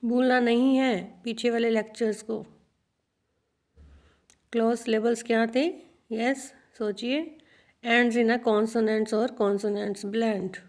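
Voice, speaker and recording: Woman teaching slowly. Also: on the high side, steady tone, darkish tone. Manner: repeats words slowly, addresses students as children. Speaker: English teacher. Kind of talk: teaching a video lesson.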